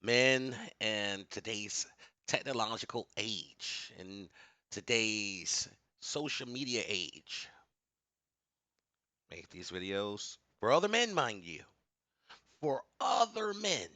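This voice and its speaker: Male American online commentator. Booming motivational delivery, slow and emphatic, with big pitch swings. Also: expressive, no room sound. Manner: emphatic, repeats phrases for effect, swings from low asides to shouted outbursts. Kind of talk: booming motivational, preacher-like monologue.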